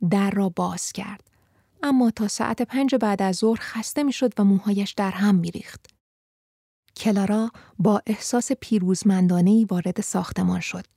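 Brief: female audiobook narrator, calm and measured, gravelly low-lit timbre. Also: no room sound, clean studio sound. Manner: calm, even, measured reading. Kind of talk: audiobook storytelling.

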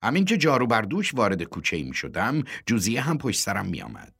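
A man reading a first-person novel aloud as an audiobook narrator, in a measured, expressive storytelling manner. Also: fairly low pitch, creaky, husky, soft background music.

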